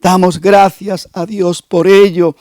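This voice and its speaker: A man's voice: high voice, flat delivery, slow pace, darkish tone, no echo, rough recording. A male pastor preaching a sermon, stressing key phrases emphatically.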